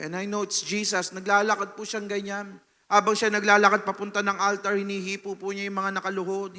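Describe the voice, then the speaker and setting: A Filipino man preaching a sermon as pastor, telling a personal testimony with animated storytelling and frequent "no?" tag questions, swinging between loud and hushed. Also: high voice. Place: church hall. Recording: long reverb of a church hall.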